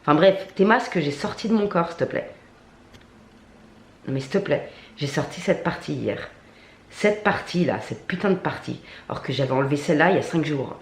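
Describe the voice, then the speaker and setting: An indignant woman vlogger rants through a storytime, full of slang and curses. Her pitch swings widely as she talks. She is recorded in an echoey room with a faint hiss behind her. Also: animated, brisk. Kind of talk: storytime rant to camera.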